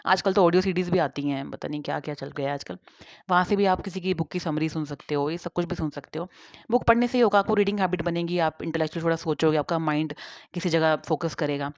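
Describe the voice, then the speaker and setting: A woman's voice: sits low, fast, no echo. A woman talking informally and directly to her viewers in a casual advice monologue. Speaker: advice vlogger. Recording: dull, dry lo-fi recording.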